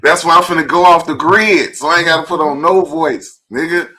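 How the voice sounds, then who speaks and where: A man's voice: a little high, fairly quick, noisy background. A man co-hosting a podcast in casual chat, blunt, emphatic and profane. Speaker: podcast co-host.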